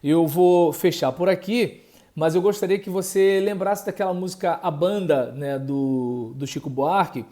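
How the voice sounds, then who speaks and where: A male teacher working through a lesson at an unhurried, deliberate pace. His voice sits a little high for a man yet sounds mellow and dark, and he keeps pausing to check that the viewer is following. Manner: slow, patient, with many fillers and check-ins. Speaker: Portuguese language teacher. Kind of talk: explanatory lesson.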